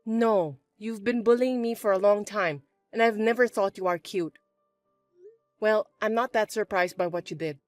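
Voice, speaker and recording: A young woman telling a chat story as herself, speaking quietly in a flat, sarcastic way. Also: medium pitch, moderate pace, no echo, soft background music.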